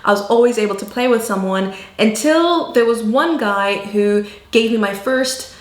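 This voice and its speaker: A woman whose first language was not English, speaking English with an accent shaped by southern Africa and American teachers, telling a personal story in earnest, animated vlog style. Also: on the high side, normal speed, reverberant. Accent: mixed African and American-learned English. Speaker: vlogger.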